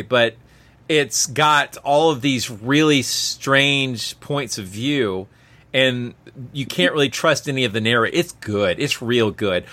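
A man's voice: medium pitch, a bit bright. A man co-hosting a podcast, talking in an engaged, conversational way. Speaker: podcast co-host. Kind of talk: casual podcast chat and scripted show outro.

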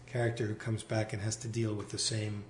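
A male novelist chatting in an interview, meandering and correcting himself, recorded on a single mic in a giant high-ceilinged room with big hall echo. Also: little pitch movement, brisk, a little hiss or hum. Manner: meandering, self-correcting, many fillers. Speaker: novelist guest. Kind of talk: casual interview chat. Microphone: single shared mic in the room.

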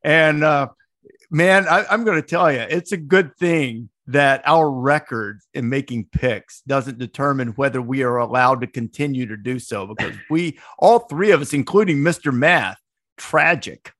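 A man's voice: mid-range voice, measured pace, a bit bright, dry recording. Rambling middle-aged man, dry sound. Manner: rambling, digressive, many restarts. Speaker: podcast co-host. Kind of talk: casual sports chat.

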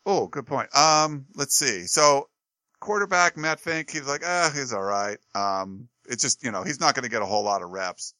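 A man's voice: mid-range voice, expressive, moderate pace, sharp tone, dry recording. A man co-hosting a sports talk show, chatting casually and rambling with lots of fillers and restarts.

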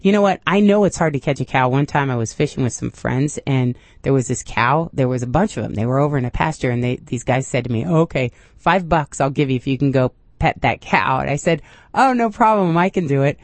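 A woman's voice: extremely low pitch, lively intonation, a little fast, a little mellow, dry recording. Chatty female radio reporter, dry studio. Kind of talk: chatty news read with casual asides.

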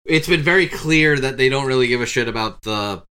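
A man's voice: medium pitch, a little fast, sharp tone, smooth. A man co-hosting a podcast in casual chat, rattling off long lists and swearing offhandedly. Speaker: podcast co-host.

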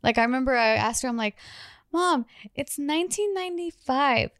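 A woman's voice: sits high, expressive, normal speed, a bit bright, no room sound, studio quality. Rambling woman in her thirties chatting. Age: 30s. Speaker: YouTuber, podcast co-host. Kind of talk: casual chat.

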